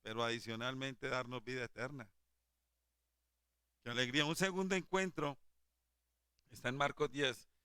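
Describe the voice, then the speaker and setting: A man preaching a Sunday sermon, fervent and emphatic at times, dropping to a soft, tender voice when quoting Jesus. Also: medium pitch, steady tone, normal speed, pauses often, clear, resonant tone, no room sound, clean studio sound. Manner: fervent, rising to emphatic exhortations. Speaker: lay preacher.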